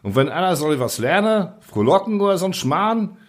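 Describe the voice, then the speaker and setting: A man voicing a grumbling Bavarian postal clerk, blunt and cross, with a husky voice. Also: high voice, sing-song, normal speed, pitched above the performer's own voice. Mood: indignant. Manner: blunt, grumbling dialect speech.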